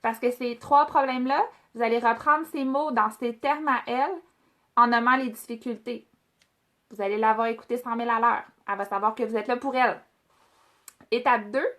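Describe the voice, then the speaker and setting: A woman's voice: fairly high pitch, fairly even intonation, normal speed, fairly bright tone. A woman with a Québécois French accent leading a casual product training, chatty, with many fillers and restarts as she speaks directly to her trainees.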